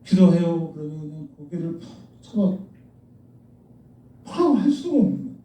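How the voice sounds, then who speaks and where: Man, pastor, sermon, blunt and scolding, lively high voice, distant mic in reverberant church. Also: normal speed. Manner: blunt, scolding, rhetorical questions to the congregation. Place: church sanctuary.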